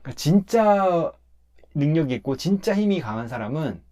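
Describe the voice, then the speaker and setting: Man, pastor, casual scripture talk, emphatic, slightly high voice, expressive swooping pitch. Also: moderate pace. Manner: animated and emphatic, explaining step by step. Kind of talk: conversational talk about a Bible passage.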